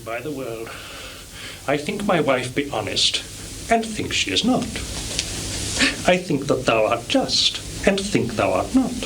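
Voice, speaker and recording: An actor playing Othello, a jealous and tormented general, declaiming with passion in live Shakespearean tragedy on a theatre stage. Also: male voice, mid-range voice, big pitch swings. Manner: declamatory, impassioned, drawn-out oratory. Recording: noisy live theatre recording, 1980s.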